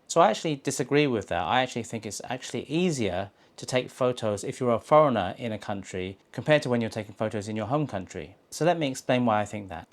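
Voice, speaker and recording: A man talks straight to camera in a relaxed vlog, his voice sitting at an ordinary middle pitch for a man. He speaks conversationally, backing up to restart phrases and repeating small words as he works out his thoughts. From England. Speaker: street photographer, video host. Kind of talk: casual talking-head vlog.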